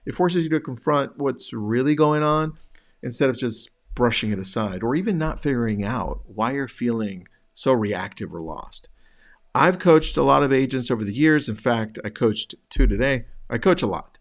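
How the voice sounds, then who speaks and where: A man's voice: mid-range voice, expressive, moderate pace. A man hosting a show, giving direct motivational coaching to real estate agents with rhetorical questions. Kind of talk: motivational talk to camera.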